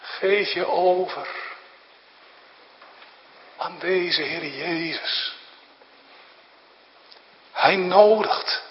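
A male pastor delivers a sermon in a high voice, pleading and solemn, pressing hard on his points. He speaks slowly and deliberately. The sound is dull and carries a long church echo. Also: a little hiss or hum. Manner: solemn, pleading, rising to fervent emphasis.

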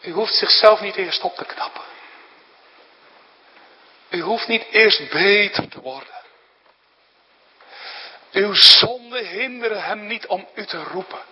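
A man's voice: high voice, takes it slowly, long pauses. A male pastor preaching a solemn, pleading sermon that swells into fervent emphasis, recorded in a church. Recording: dull sound in a reverberant church.

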